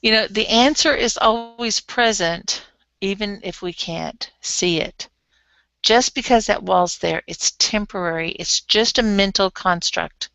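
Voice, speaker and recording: A woman coaching a client in a lively, frank way, laughing easily as she talks. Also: medium pitch, a little slow, creaky, no room sound, rough recording. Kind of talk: coaching session.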